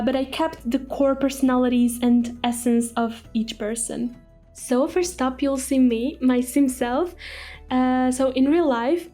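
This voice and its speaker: Young woman, high-pitched and upbeat, hosting a casual game walkthrough. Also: mellow. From Croatia. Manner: chatty and upbeat, with frequent small laughs. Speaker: Sims builder and channel host. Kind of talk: casual gameplay voice-over.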